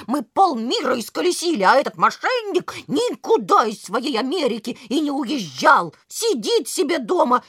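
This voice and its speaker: High-voiced, brash bird heroine. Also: female voice, fairly bright tone, no echo, studio quality, full character voice. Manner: brash, improvising, boastful.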